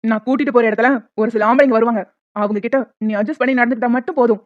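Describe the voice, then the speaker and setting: A brutal male moneylender from a cartoon, acted by a woman, crude and threatening. He talks fast and a little high. The sound is thin and phone-like, with no room echo. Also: fairly even intonation, lightly acted. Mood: menacing. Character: menacing male loan shark, brutal and lecherous. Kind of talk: cartoon voice dubbing. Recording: tinny phone-like, dry.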